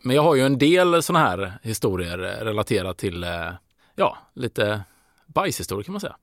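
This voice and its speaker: A man's voice: on the low side, sing-song, dry recording, studio quality. A man telling a long, rambling story on a podcast, full of fillers and restarts. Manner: rambling, hesitant, with fillers and laughing. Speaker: podcast guest. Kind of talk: casual storytelling.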